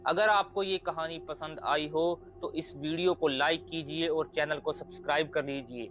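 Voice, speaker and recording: A man narrating a scripted horror story as a channel host, with a slow, hushed, suspenseful delivery. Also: on the high side, low-quality recording.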